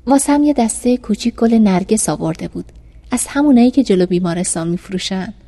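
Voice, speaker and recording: Mellow woman narrating a diary. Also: mid-range voice, expressive. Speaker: audiobook narrator.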